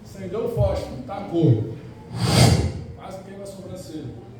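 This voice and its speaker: High-voiced man preaching in an echoey church. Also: a little slow, recorded from a distance, slight background noise. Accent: Rio de Janeiro Portuguese. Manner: animated, storytelling with acted quotes and rhetorical questions. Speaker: evangelist preacher. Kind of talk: Pentecostal sermon. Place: large church hall. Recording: very echoey church hall, music behind.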